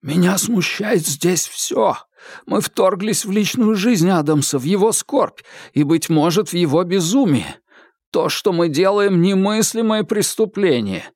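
A man voicing an anxious male writer in a whispered role-play, his whisper tense and halting. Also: high-pitched, expressive, darkish tone, dry recording, clean studio sound, pitched above the performer's own voice, full character voice.

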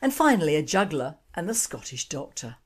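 A woman radio host reading scripted commentary and jokes in a measured, deliberate manner. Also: low-pitched, sing-song, soft background music.

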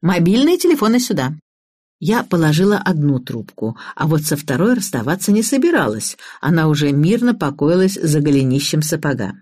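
A woman narrating an audiobook in the first person, with lively storytelling. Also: low voice, fairly quick, hardly any pauses, breathy edge, no room sound, clean studio sound.

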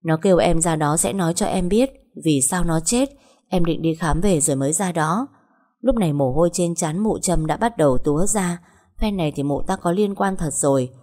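A woman tells a first-person story. Her voice sits low and she keeps a steady storytelling pace. In dialogue she turns sly and probing. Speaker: narrator.

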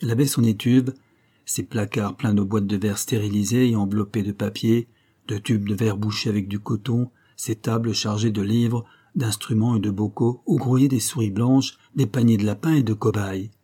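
A man reading a classic detective novel aloud as a narrator, with steady storytelling that rises in pitch for the characters' lines. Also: normal speed, slightly rough. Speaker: audiobook narrator.

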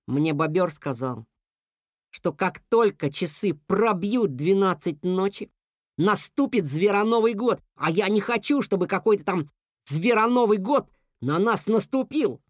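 A storyteller voicing an odd, timid male rabbit who talks slowly and earnestly, sometimes in a hush. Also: mid-range voice, lively intonation, no echo, clean studio sound, voice pushed up. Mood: explaining. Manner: slow, earnest, hushed.

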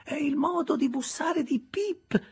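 A man voicing an imperious, gloating old jilted woman in a high, breathy, half-whispered, drawn-out voice. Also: a little mellow. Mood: eerie coaxing.

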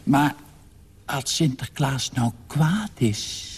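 A man reading a story, voicing a pale, quiet little girl who asks timid, earnest questions. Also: medium pitch, animated, drawn-out words, husky, big-room sound, pitched above the performer's own voice, exaggerated voice. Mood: anxious.

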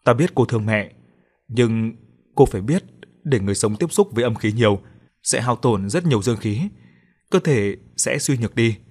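A man voicing a wise exorcist master in a ghost story, speaking in a measured, authoritative way. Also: mid-range voice, expressive, darkish tone, slightly rough. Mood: solemn.

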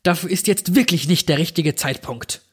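A man's voice: fairly high pitch, animated, normal speed, breathy edge, voice pushed up. Man putting on a terrified trapped young man. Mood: angry. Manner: raised, desperate pleading.

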